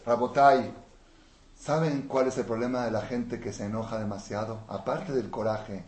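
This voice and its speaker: A man's voice: mid-range voice, normal speed. Man, rabbi, Torah lecture, emphatic rhetorical questions, reverberant room. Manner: animated, swinging from soft asides to loud emphatic questions. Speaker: rabbi teaching a Torah class. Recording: roomy with faint noise.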